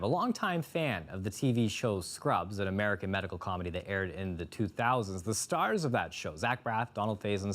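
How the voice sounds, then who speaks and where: A man presenting the local evening news in a smooth, upbeat, scripted way. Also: on the low side. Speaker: news anchor.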